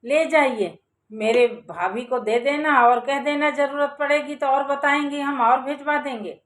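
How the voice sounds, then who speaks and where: A woman voicing a caring, bossy village wife who gives brisk orders. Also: sits high, fairly bright tone, roomy sound. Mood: urgent.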